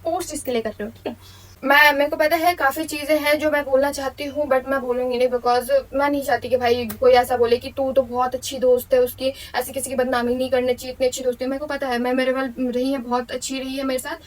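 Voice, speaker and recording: Young female vlogger, quick and high-pitched, blunt and slangy storytime rant. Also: little pitch movement, far from the mic. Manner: blunt, slangy, mixes English into speech. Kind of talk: venting storytime monologue.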